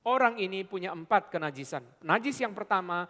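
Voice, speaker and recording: A man preaches with fervor, calling out to his congregation and then dropping to hushed, tender passages. His voice sits high for a man. The sound rings with the long reverb of a church hall. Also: expressive, brisk. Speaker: pastor. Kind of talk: sermon. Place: church sanctuary.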